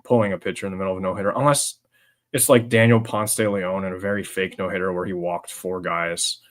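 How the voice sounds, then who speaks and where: A man co-hosting a casual sports podcast, talking in halting bursts with stammered restarts and fillers. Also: low voice, steady tone. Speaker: podcast co-host.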